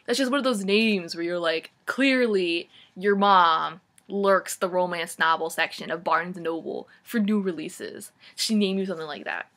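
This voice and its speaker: Young woman, 20s, snarky book-rant vlogger, bright forceful tone, swears and groans. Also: on the low side, moderate pace, few pauses. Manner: sarcastic, swears freely, leans on filler "like"; gushing then mocking, dramatic sighs and groans. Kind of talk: casual comic book-review rant.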